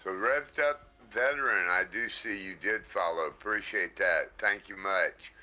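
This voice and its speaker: Guy streaming on a headset mic, low voice, bright edge, slow easy chatter. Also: soft background music. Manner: slow, easygoing, thanks viewers often. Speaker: livestream host. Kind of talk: casual livestream chat.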